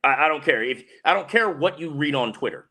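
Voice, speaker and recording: A man's voice: a little high, animated, fairly quick, sharp tone. A man co-hosting a betting podcast in casual chat, blunt and fired up, ranting with swearing.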